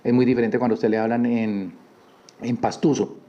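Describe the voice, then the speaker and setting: A man's voice: medium pitch, fairly even intonation, normal speed, mellow, lo-fi sound. A man from Colombia who teaches a weekly Torah portion in a conversational way, often repeating words and asking listeners rhetorical questions. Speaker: Bible study teacher.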